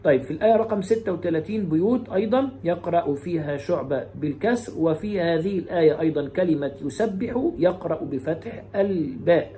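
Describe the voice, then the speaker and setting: A man teaching variant Quran readings, alternating brisk explanation with slow, melodic chanting of verses. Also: fairly high pitch, expressive, mellow, slight background noise.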